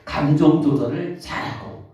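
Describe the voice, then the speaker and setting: A man preaching a sermon as pastor, questioning the congregation and answering himself, reading scripture slowly. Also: on the high side, mellow. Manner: reads scripture slowly and deliberately. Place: church sanctuary. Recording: echoey hall, distant, dull mic.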